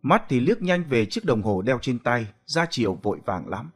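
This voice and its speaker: A man reading a story aloud in steady, expressive scripted narration. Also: medium pitch, normal speed, faint music behind.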